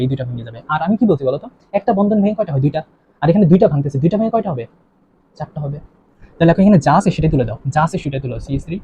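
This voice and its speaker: A young man teaches chemistry at a breakneck clip, firing questions and repeating them back. His voice sits high and mellow. The recording sounds dull and lo-fi, with faint background ambience. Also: slight background noise. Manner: quizzing, repeating questions to students. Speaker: chemistry tutor. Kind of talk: online lesson.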